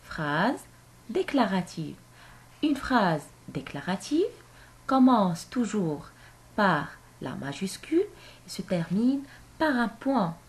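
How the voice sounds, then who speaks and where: Slow, lively-voiced woman teaching children. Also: mid-range voice. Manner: slow, clear, repeats phrases for pupils. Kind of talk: grammar lesson for children.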